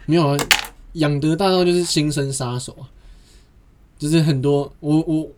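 A man's voice: a little high, steady tone, normal speed, noisy background. A young man, chatting casually and telling rambling anecdotes that run on with "and then". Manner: long rambling anecdotes told in a chain of "and then". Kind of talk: casual podcast chat.

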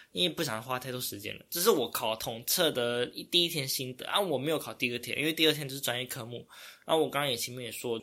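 A young man with a Taiwanese Mandarin accent, telling a story as a vlogger in a casual, animated way, often exclaiming and laughing. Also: medium pitch. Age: young adult.

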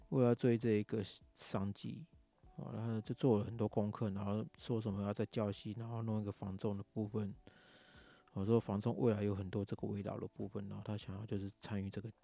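A man with a Taiwanese Mandarin accent rants in a casual monologue, cursing freely as he talks. His voice is gravelly and dark. The sound is dry and close, with faint music behind him. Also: lowish voice, little pitch movement, a little fast, no room sound. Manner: angry ranting, heavy swearing. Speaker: podcast host.

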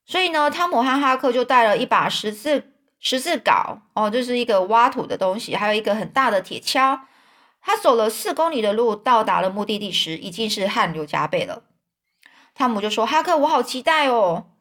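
A woman's voice: on the high side, expressive, a little fast, fairly bright tone. A woman, reading a children's story aloud in a loose, casual retelling with fillers.

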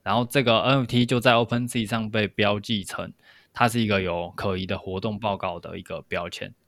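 A man's voice: fairly low pitch, fairly even intonation, fairly quick, fairly bright tone, no echo, studio quality. A man co-hosting a podcast, explaining things step by step in casual discussion. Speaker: podcast co-host.

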